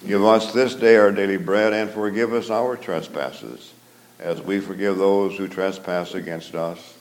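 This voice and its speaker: A man, a pastor, leading a formal liturgy in a solemn, measured recitation, heard with a cathedral echo. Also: low voice, fairly even intonation. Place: large church. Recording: echoey church with loud organ music.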